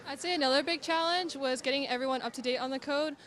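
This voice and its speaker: A young woman with a high voice answers a question quickly in a relaxed, conversational tone. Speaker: student presenter.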